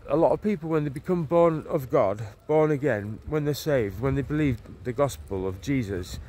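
Walking outdoors along a leafy town street and park, a street preacher in his forties talks earnestly into a phone held at arm's length for his preaching vlog. His voice is mellow and medium-pitched at a normal speed, rambling with many restarts and repeated "you know"s. Passing cars and faint street sounds sit in the background.

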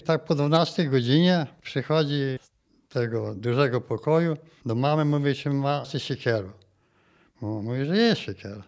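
Picture an old man in his eighties who grew up in Volhynia, speaking at an ordinary middle pitch. He tells his story in an interview in a plain, halting way, with short restarts. He often closes his phrases with a small questioning tag. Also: a little mellow. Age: 80s. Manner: plain halting telling, tags phrases with "nie?". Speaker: interviewee, massacre survivor. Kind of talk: recounted personal testimony.

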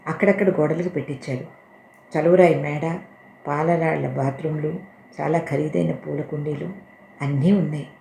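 A woman reading a first-person story aloud in a calm, measured, reflective way. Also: on the low side, vocal fry. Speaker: story reader. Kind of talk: storytelling narration. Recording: roomy echo with faint noise.

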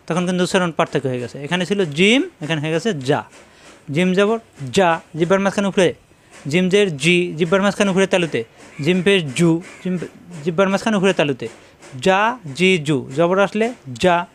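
A man teaching letter pronunciation, briskly drilling syllables over and over. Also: high-pitched. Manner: brisk drilling, repeats syllables slowly then quickly. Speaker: Quran recitation teacher. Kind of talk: pronunciation lesson.

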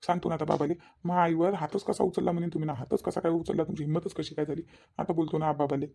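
A woman's voice: deep voice, fairly even intonation, fast, creaky, mellow. A woman voicing a devoted young adult son in a cartoon, with an insistent, pleading manner. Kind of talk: cartoon voice acting.

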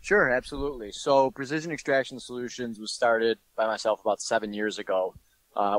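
A man's voice: fairly low pitch, fairly bright tone, no room sound, rough recording. A man being interviewed as a guest, explaining his company in a businesslike way. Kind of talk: interview answers.

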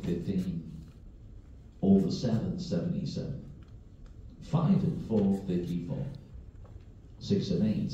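A British man calls bingo in a slow, very mellow, dark voice. He delivers the numbers in clipped, formulaic patter, digit by digit and then whole. The sound is heavily echoey, as from a big hall with a distant mic. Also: on the low side, lo-fi sound, a little hiss or hum. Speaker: bingo caller. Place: large echoing bingo hall.

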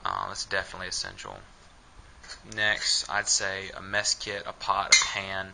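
Heavy background noise surrounds a young man as he films himself indoors with a head-mounted camera, tentatively running through his camping gear with frequent ums and uhs. His low-pitched voice has vocal fry and a level tone at a moderate pace. He's in a small room.

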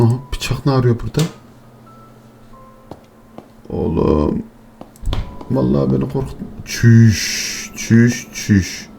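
A man's voice: medium pitch, gravelly, dark tone, slight background noise. A man hosting a horror game let's play, talking to his viewers, muttering nervously and swearing and shrieking when startled. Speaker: gaming channel host.

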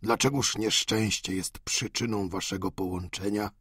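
An old, frail father speaks in a husky, halting voice, as an audiobook reader plays him, swinging between tenderness and rage. The recording is close and dry. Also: lowish voice, fairly even intonation, fairly bright tone, no room sound. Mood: weak. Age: older. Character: elderly doting father, frail, furious with grief.

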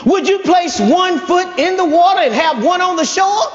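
A man preaching a sermon in a folksy, conversational way, building to shouted emphasis and calling out to the congregation. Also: very high voice, expressive, moderate pace. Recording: echoey hall, dull lo-fi sound.

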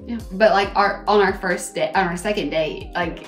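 Excitable chatty woman vlogger. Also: mid-range voice, moderate pace, soft background music, rough recording. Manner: chatty, excitable, self-mocking. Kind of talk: casual chat.

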